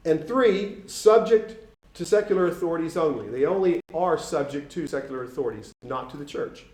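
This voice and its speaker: A man with a Boston accent giving a formal, prepared statement at a public forum, reading out numbered points deliberately. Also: on the high side, lively intonation, darkish tone. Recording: echoey room.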